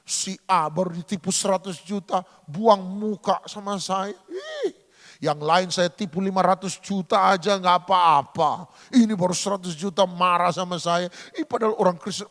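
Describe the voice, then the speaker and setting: A man's voice: high-pitched, vocal fry, fairly bright tone, big-room sound. A man preaching a humorous sermon, acting out dialogue and asking the congregation questions. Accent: Indonesian. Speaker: pastor. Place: church sanctuary.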